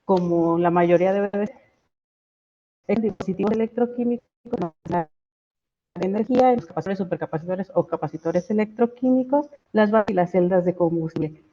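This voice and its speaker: A woman's voice: mid-range voice, normal speed. Woman researcher, explanatory lecture tone, audio cutting out on a muffled lo-fi video call. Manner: explanatory, steady, with hesitant fillers. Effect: choppy, breaking-up internet audio. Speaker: researcher giving a talk. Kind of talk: online conference lecture. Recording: dull lo-fi video call line.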